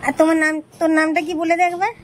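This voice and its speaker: A woman's voice: very high-pitched, little pitch movement, fast talker, very noisy. A woman chatting with a toddler at home, coaxing and teasing, asking the same question again and again. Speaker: vlogger. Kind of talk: casual chat with a toddler.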